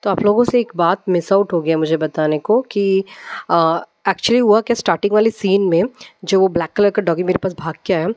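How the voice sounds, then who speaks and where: A woman's voice: fairly low pitch, normal speed, darkish tone, dry recording, lo-fi sound. A woman on a devotional channel casually retelling a dream, rambling, with many fillers and English words mixed in.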